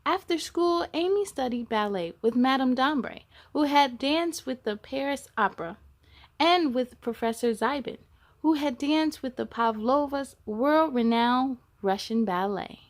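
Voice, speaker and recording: At a storytime, a woman animatedly reads a picture book aloud to children, pausing for asides aimed straight at the young listeners. Her voice is high and her pace measured.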